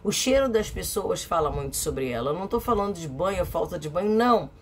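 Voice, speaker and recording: A woman's voice: fairly low pitch, expressive, fast talker, slight background noise. A middle-aged woman from Brazil talking to her viewers in a chatty, emphatic vlog monologue, repeating phrases for effect. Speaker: vlogger.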